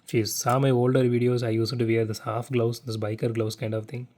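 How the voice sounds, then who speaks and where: A man hosting a casual model car unboxing vlog from his living room, talking haltingly with stutters and restarts. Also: medium pitch, little pitch movement, darkish tone. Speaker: diecast model car unboxing channel host. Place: home living room without air conditioning.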